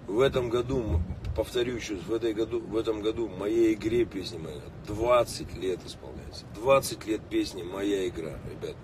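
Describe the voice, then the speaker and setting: A man's voice: lowish voice, normal speed, hardly any pauses. A man in his late thirties chatting casually with fans on a livestream from inside a car in city traffic, greeting viewers by name. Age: late 30s. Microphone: phone held or mounted at arm's length. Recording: distant phone mic with street noise.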